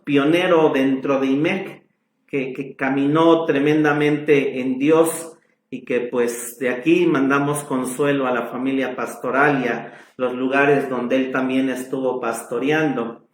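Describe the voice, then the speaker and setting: A man preaching a sermon as pastor, reading scripture in long drawn-out phrases and adding frequent amens. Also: medium pitch. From Mexico. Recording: echoey room sound.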